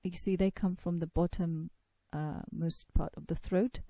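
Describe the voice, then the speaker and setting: A woman's voice: lowish voice, steady tone, a little slow, warm tone, dry recording. A woman giving a recorded lesson on pronouncing sacred recitation, patiently explaining and demonstrating sounds by drawing out long vowels. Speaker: tajweed teacher.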